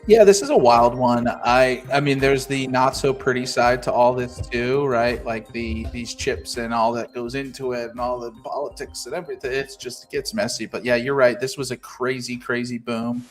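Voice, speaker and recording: A man's voice: mid-range voice, normal speed, hardly any pauses, faint music behind. A man co-hosting a casual chat, his volume jumping up and down as his remote audio cuts out, talking in a loose, rambling way. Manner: relaxed, rambling with fillers. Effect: audio cutting out with uneven volume. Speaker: co-host. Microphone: remote mic held too far away.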